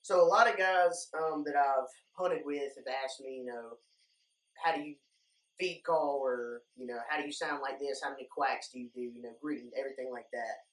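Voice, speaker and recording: A man's voice: mid-range voice, steady tone, moderate pace, fairly bright tone. A young man giving a casual, plain-spoken how-to talk to viewers as an instructor. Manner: informal, plain-spoken, addressing viewers as guys. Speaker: duck calling instructor, video host. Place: indoor room lined with duck decoys. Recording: echoey room, distant microphone.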